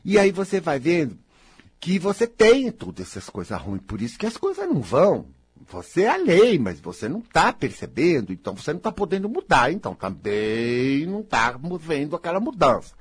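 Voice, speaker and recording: A Brazilian man speaking in a very husky, breathy voice that sits fairly high. His pitch swings widely as he delivers an emphatic motivational talk. He speaks straight to his listeners and drives his points home by repeating them. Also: huge pitch swings, a little fast. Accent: Brazilian Portuguese. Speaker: spiritual self-help speaker.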